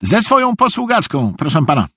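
Švejk, a man doing a high, naive, obliging soldier. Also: huge pitch swings, a little fast, sharp tone, breathy edge, no echo, studio quality, heavily acted. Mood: earnest. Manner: naive, earnestly obliging, rambling. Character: cheerful simple-minded middle-aged male soldier, earnest.

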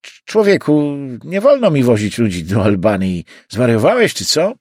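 A man reading an audiobook voices a brash, bigoted cab driver who talks bluntly and loudly. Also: sits high, huge pitch swings, unhurried, no echo, studio quality, pitched above the performer's own voice, exaggerated voice. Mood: incredulous. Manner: blunt, loud, rough-spoken.

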